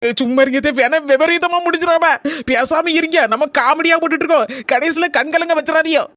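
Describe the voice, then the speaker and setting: A woman's voice: sits high, brisk, a bit bright, dry recording. A woman with a Kanyakumari Tamil accent voicing cartoon comedy characters, exclaiming and comically exasperated. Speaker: voice artist doing cartoon characters.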